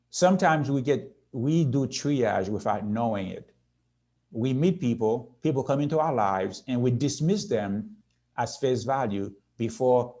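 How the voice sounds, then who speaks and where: A man's voice: mid-range voice, warm tone. A man in his sixties giving a motivational conference talk to young people, earnest and often checking in with a "right?". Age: 60s. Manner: earnest, repeats "right?" to the audience. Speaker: conference speaker. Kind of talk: motivational presentation.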